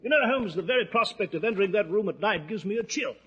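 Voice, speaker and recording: An actor playing a loyal, earnest British gentleman doctor and storyteller in a 1940s radio drama. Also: high-pitched, expressive, fast. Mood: earnest storytelling. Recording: reverberant, dull old radio recording.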